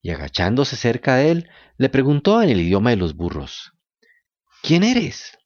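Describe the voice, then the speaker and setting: A man narrating a children's storybook with expressive, dramatic delivery. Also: medium pitch, brisk, dry recording, dull audio. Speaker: reader and narrator. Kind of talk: storybook reading.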